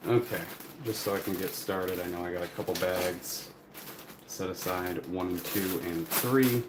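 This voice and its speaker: Deep voiced guy chatting on a livestream while he builds stuff, kinda mumbly and apologetic, crinkly plastic noise behind him. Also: a little slow. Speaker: live stream host. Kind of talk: casual unscripted live stream commentary while building. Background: crinkling bags and paper rustle.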